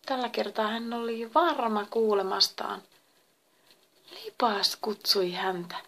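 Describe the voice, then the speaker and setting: A woman reading a myth aloud as a storyteller, in a slow delivery that drifts into breathy whispers. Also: a little high, animated, fairly bright tone. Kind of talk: storybook narration.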